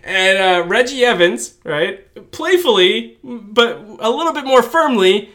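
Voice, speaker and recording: Man, fairly high voice, podcast co-host, animated storyteller who laughs a lot. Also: a little slow. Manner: animated, laughing, recounts sports clips with asides. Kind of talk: casual storytelling chat.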